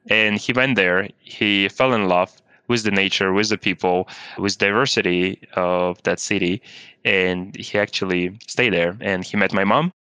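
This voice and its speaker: Bright, crisp-voiced man from Kazakhstan. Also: sits low, no room sound. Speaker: founder, guest. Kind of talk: interview answers.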